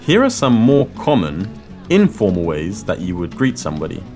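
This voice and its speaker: A man hosting a scripted language lesson, speaking slowly and clearly and repeating phrases. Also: deep voice, wildly swooping pitch. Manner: slow, clear teaching delivery with repeated phrases. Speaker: language teacher and host. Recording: faint guitar music underneath.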